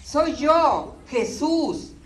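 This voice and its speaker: A woman voicing a commanding divine man who calls from a bright light, giving firm, raised orders. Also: sits high, lively intonation, extremely slow, slight background noise, pitched above the performer's own voice, heavily acted. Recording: echoey room from far off.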